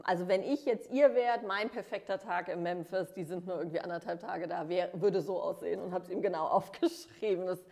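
A woman's voice: lowish voice, fairly even intonation, vocal fry, darkish tone. A woman in her thirties from Cologne, a travel expert guest chatting enthusiastically on a podcast. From Cologne, Germany. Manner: enthusiastic, affirming, quick to laugh. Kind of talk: casual interview chat. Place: studio room with dark backdrop.

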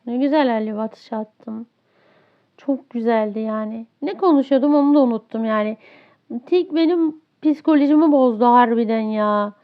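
A woman's voice: fairly high pitch, moderate pace. A woman commentating her own online match, ranting with exasperation about a teammate who won't play. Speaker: gaming streamer. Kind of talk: live gameplay commentary. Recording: dull lo-fi audio.

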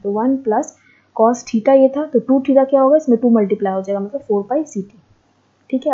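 A woman teacher works through a derivation at a steady, patient pace and keeps asking herself the next question. Her tone is very dark and mellow and sits a little high. The lo-fi recording sounds muffled. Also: husky. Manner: patient, repeats steps and asks herself questions. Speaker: lecturer. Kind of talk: board lesson deriving formulas. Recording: dull lo-fi lecture audio.

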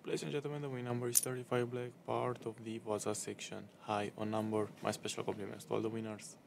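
A man's voice: lowish voice, little pitch movement, fast talker, vocal fry, noisy background. A young man working as a casino croupier, making formal, courteous, formulaic roulette announcements at the table. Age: young adult. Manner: formal, courteous dealer patter. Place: indoor live casino studio at roulette table.

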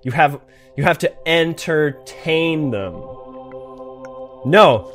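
A man's voice: a little high, lively intonation, drawn-out words, faint music behind. A man commentating a game, reading its cards aloud and reacting with laughs and swearing. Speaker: gamer. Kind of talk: let's play commentary.

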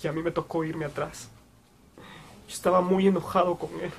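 Casting: male actor playing guilt-ridden young man, high voice, sorrowful, anguished, halting delivery, dramatic monologue. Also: level tone, a little hiss or hum, lightly acted. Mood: pained confession. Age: young adult. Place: small room, indoors.

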